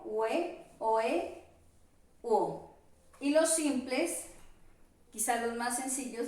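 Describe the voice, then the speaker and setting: A woman teaches at a slow, deliberate pace, with a voice that sits a little high. She sounds distant from the mic, in a strongly echoing room. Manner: slow, careful spelling-out of examples. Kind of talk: virtual class lecture.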